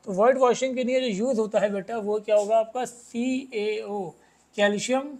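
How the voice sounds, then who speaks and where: A man teaching a chemistry lesson, reading English questions slowly and explaining them, often asking students whether it is clear. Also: high voice, fairly even intonation. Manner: addresses students as "beta", keeps asking if it is clear.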